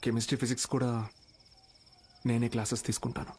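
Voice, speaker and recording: A man's voice: medium pitch, little pitch movement, quick pace, a little mellow, close to an everyday voice. An actor playing a young male college lecturer, playful and determined, dropping English phrases into his speech. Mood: confident. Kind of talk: Telugu film drama dialogue. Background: film score.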